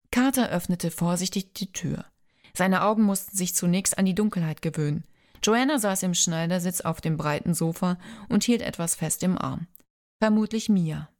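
Audiobook narrator: young adult woman, lowish voice, calm storytelling read, light character voices. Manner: reads a romance novel, lightly voicing characters' lines. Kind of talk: scripted narration.

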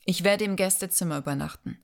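A woman voicing a gentle, playful young man in love, reading his lines softly in an audiobook. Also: on the low side, fast talker, vocal fry. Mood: tender, teasing. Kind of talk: audiobook dialogue.

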